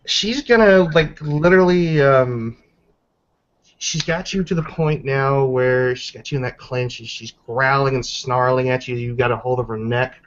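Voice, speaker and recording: Through dull, lo-fi voice chat audio, a game master casually narrates a live tabletop roleplaying session, counting dice and cursing freely. He speaks in a mid-range voice at a moderate pace.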